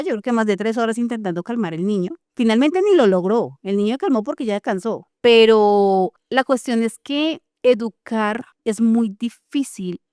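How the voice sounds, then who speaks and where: A woman hosting a mental health podcast in her thirties, explaining calmly as a psychologist and sometimes acting out what parents say. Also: mid-range voice, clear, resonant tone, dry recording, studio quality. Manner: explains calmly, acts out parent and child lines. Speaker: psychologist host. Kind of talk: podcast conversation.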